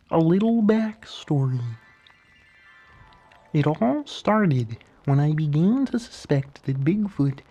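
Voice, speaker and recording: A man voicing an earnest, eccentric frog puppet in soft-spoken ASMR storytelling, with theatrical, halting pauses. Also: on the high side, lo-fi sound, full character voice. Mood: hushed, eager. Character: Kermit-like male frog puppet, eccentric, earnest Bigfoot believer. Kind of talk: whispery ASMR storytelling and roleplay.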